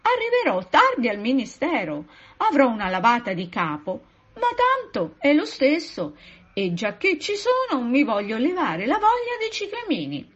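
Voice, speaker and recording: A woman's voice: high voice, huge pitch swings, normal speed, a bit bright, slightly rough, voice pushed up, full character voice. A woman voicing a cheerful office lady who happily exclaims about picking flowers, in a storybook reading. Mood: carefree. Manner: gleeful, dreamy exclaiming. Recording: muffled lo-fi recording.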